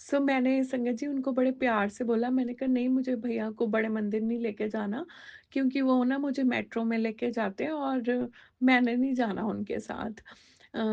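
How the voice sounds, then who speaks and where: Gravelly-voiced woman sharing devotional testimony. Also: on the high side, fairly even intonation, normal speed, darkish tone, highs cut off. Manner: conversational, mixing Hindi with English words, many fillers.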